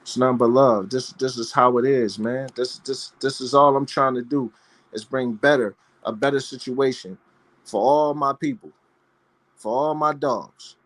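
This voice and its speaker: A man hosts a live panel show as a dog breeder, delivering a casual but passionate monologue in a fervent, preachy style full of rhetorical questions and repeated phrases. His voice is mid-range and a bit bright, at a moderate pace.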